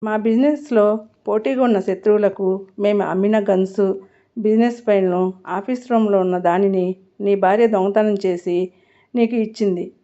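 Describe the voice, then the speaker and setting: A man's voice: fairly even intonation, moderate pace, mellow. A woman reading the lines of a ruthless male mafia boss in a storybook reading, with a cold, threatening manner, on a muffled recording. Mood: menacing. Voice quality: deep bass voice.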